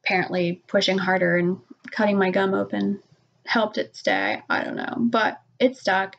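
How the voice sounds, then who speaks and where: A woman's voice: mid-range voice, normal speed, gravelly, dull audio. A middle-aged woman telling a story in a casual vlog, rambling and saying "like" a lot. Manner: rambling, heavy use of "like", animated retelling. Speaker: vlogger.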